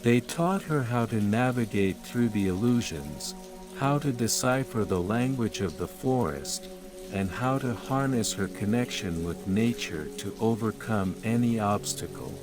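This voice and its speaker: Rain and calm music fill the background as a man, his voice on the low side, delivers a scripted bedtime fairytale at a soothing, even pace.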